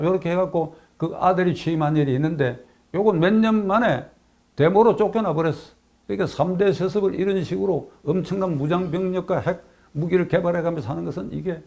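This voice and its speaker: An older man delivers a political commentary in a fairly high voice. He is emphatic, repeating key phrases for stress and asking rhetorical questions as he goes. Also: creaky, darkish tone.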